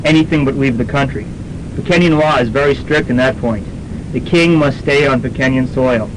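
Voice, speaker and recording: In a campus radio comedy, a young adult man plays a dry, smug American businessman, acting it only lightly at a moderate pace. The student radio recording is noisy and rumbling.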